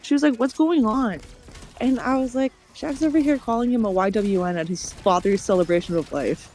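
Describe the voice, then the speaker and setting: A woman's voice: fairly high pitch, a little fast, a little mellow, a little hiss or hum. A woman streamer telling a long story in casual chat. She acts out the other people's lines and swears often.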